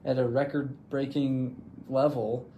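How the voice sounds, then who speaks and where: A male podcast host speaks in a relaxed, encouraging way while he chats with his guest. His voice has a dark, mellow tone at a middle pitch for a man. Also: unhurried, highs cut off, slight background noise. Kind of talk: casual conversation.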